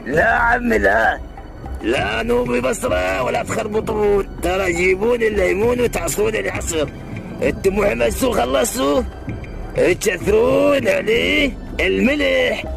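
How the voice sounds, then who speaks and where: A man's voice: high-pitched, normal speed, gravelly. A man playing a bossy, folksy village man with an Iraqi Arabic accent in a comic dialect skit. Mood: insistent. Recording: music behind the voice.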